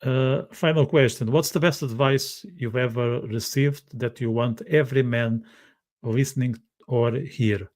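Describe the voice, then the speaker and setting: Halting male podcast host, mid-pitched. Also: fairly even intonation, a little mellow. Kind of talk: casual interview chat.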